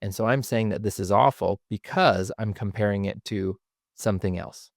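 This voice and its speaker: A man's voice: on the low side, moderate pace, gravelly, no room sound, studio quality. A man hosting a podcast, explaining ideas in a thoughtful, conversational way with frequent restarts. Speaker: podcast host.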